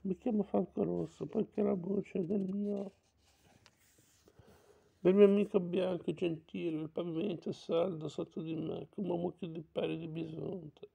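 Earnest young tribesman talking simple, a man doing the voice, husky and gravelly. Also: high-pitched, little pitch movement, unhurried, narrow, tinny audio, heavily acted. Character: young man raised by a native tribe, plain-spoken.

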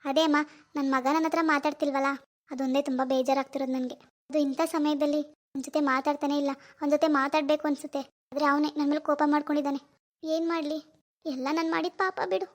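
A woman voicing a scheming, two-faced older mother-in-law in an animated family drama, sighing and wheedling, then sly and scornful. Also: high voice, quick pace, natural voice. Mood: self-pitying.

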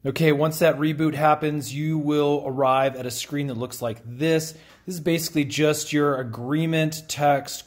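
A man hosting a tech tutorial, explaining step by step in a friendly, plain way while working a phone on camera. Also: a little high.

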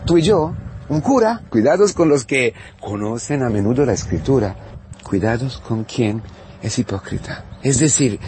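A priest preaching a sermon in Spanish, swinging between loud outbursts and hushed words and repeating phrases for emphasis. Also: male voice, mid-range voice, slight background noise. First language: Italian.

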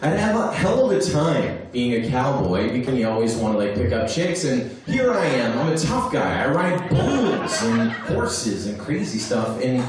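A middle-aged stand-up comedian with a mid-range, sing-song voice works a small club stage with a handheld mic, telling crude jokes at a moderate pace with few pauses over music. His loose, conversational delivery bounces around the echoey room, captured from well back in the club.

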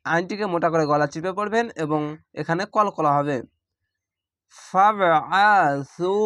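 High-voiced man teaching slow Quran recitation. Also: a bit bright, no room sound, studio quality. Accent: Bangladeshi Bengali. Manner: spells words letter by letter, drawing out recited words. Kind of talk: slow spelled-out recitation lesson.

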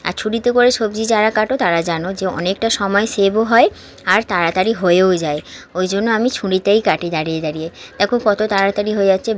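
Chatty West Bengali woman vlogger, faint noise. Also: medium pitch. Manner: chatty, addresses viewers with questions. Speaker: home vlogger. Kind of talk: casual chat to viewers while doing household chores. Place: at home, mostly in the kitchen.

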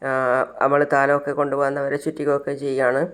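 A man's voice: mid-range voice, completely flat delivery, a bit bright, clear, resonant tone. A man hosting his own channel, retelling a TV serial episode and acting out the quotes. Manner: fast retelling with acted-out quotes. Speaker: channel host.

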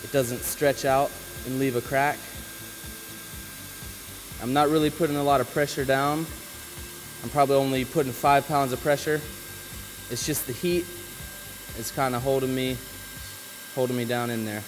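Relaxed man talking while he works. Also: medium pitch, normal speed, pauses often, over music, poor audio. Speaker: flooring installer. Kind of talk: casual on-the-job demonstration. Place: indoor work floor.

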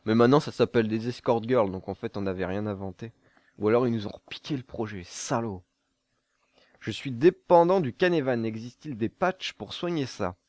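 A man's voice: mid-range voice, a little fast, darkish tone, no echo. A young man from southern France answering viewer questions to camera in a casual, jokey way, laughing at his own jokes and stumbling over fillers.

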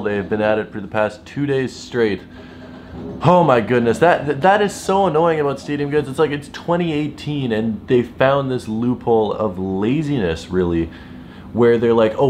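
A tired young man vlogging casually, ranting in a frustrated, animated way to his viewers. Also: mid-range voice, a little hiss or hum. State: tired, worn out. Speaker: sneaker vlogger. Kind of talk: casual vlog talk to camera. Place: store, then hotel room.

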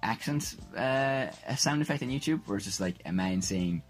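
Very low male co-host, relaxed rambling chat, faint music under him. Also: moderate pace. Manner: rambling, jokey, full of fillers and restarts. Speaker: podcast co-host. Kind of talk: casual conversational chat.

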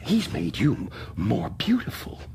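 A man's voice: medium pitch, huge pitch swings, takes it slowly, gravelly, mellow, a little hiss or hum, full character voice. An actor playing a tormented, paranoid man in a radio drama, intense, volatile and bitter. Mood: scathing. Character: Ted, paranoid, tormented male survivor who narrates.

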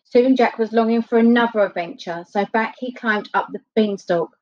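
A woman reading a children's fairy tale aloud, expressive and unhurried. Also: a little high. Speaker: storyteller. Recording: dull lo-fi recording.

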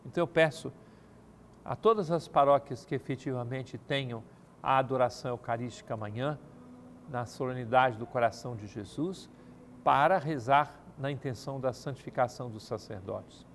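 An older Brazilian archbishop with a medium-pitched voice answers viewers' questions in a televised pastoral talk. Seated at a desk on a TV studio set with a studio mic, he speaks in a measured, formal pastoral manner, with faint hiss in the background.

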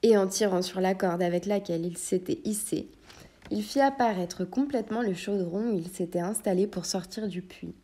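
A woman reading a children's audiobook aloud, telling the story in a lively way. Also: medium pitch, normal speed. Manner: lively storytelling with many voices. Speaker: audiobook narrator. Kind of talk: scripted narration.

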